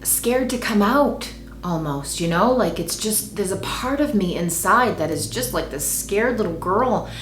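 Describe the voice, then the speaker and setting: A woman's voice: mid-range voice, expressive, a little slow, hardly any pauses, slight background noise. A woman in her forties talking earnestly and with determination in a reflective personal vlog. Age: 40s. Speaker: vlogger. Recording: echoey room.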